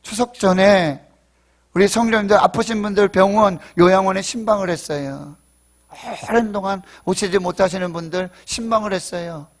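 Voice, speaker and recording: High-voiced Korean pastor preaching. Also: male voice, moderate pace. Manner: swings from quiet asides to loud emphatic preaching. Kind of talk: sermon. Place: church sanctuary.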